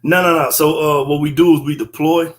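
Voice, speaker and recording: A man's voice: a little high, steady tone, a little fast. A man, a guest comedian talking in a laid-back, slangy way over a webcam video call from an indoor room. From Texas. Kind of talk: casual interview chat.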